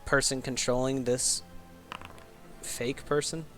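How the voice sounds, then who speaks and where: Slow, hesitant male player with hiccups. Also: mid-range voice, flat delivery, a bit bright, soft background music. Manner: hesitant, lots of ums, swears casually. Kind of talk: casual tabletop game play.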